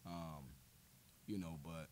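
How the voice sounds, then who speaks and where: A man in his forties, a head coach answering questions at a post-game press conference, measured and full of fillers and repeated words, speaking into a table mic in a press room. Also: rumbling low, fairly even intonation, a little mellow. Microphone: table mic on stand.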